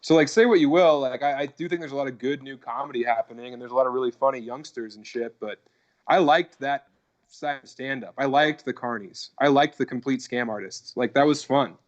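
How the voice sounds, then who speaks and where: A brisk, medium-pitched man comes through on dull audio. In his thirties and from Colorado, he's a guest comedian in a casual podcast chat over video call, rambling along, swearing, and leaning on "like" and "dude."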